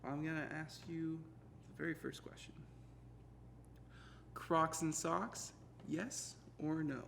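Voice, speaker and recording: A man's voice: on the high side, level tone, slow pace, gravelly, a bit bright, a little hiss or hum. A young man co-hosting a casual podcast with a playful, jokey manner, picked up by a shared mic in a room. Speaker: podcast co-host. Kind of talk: casual joking podcast chat. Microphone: one shared mic on a table.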